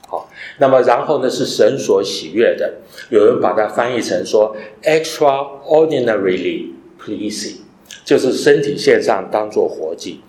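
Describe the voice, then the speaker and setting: In an echoey room, a pastor with a fairly low, slightly mellow voice preaches a sermon. He teaches and poses rhetorical questions to his listeners, slipping English phrases into his speech.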